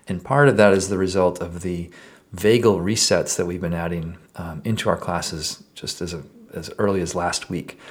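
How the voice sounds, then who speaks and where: Man, middle-aged, very low voice, podcast host, casual, rambling, lots of fillers and restarts. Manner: hesitant self-corrections. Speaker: podcast host and meditation teacher. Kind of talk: casual spoken podcast intro.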